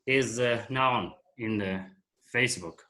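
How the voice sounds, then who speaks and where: A man with a Moroccan accent chatting casually on a group live stream in hesitant non-native English, pausing often to search for words. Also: mid-range voice, pushed and bright, a little hiss or hum. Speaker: participant in an online English-practice meeting. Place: online group call.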